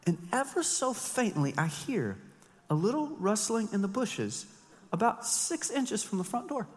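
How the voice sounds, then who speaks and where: A man in his thirties, a pastor preaching an animated, joking sermon with emphatic storytelling. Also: high voice, a little slow, long reverb tail. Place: church sanctuary.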